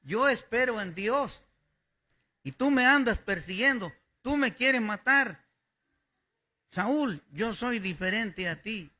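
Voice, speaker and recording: A preacher acting out bold young David. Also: male voice, high-pitched, animated, slow, bright, forceful tone, exaggerated voice. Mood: defiant. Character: biblical young man, bold warrior calling out.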